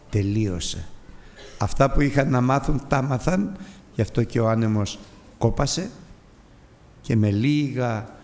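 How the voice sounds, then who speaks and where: A man with a Greek accent delivering a fervent Sunday sermon, his voice rising into sudden high peaks, recorded in a church hall. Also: vocal fry, a little mellow, slight background noise. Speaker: preacher.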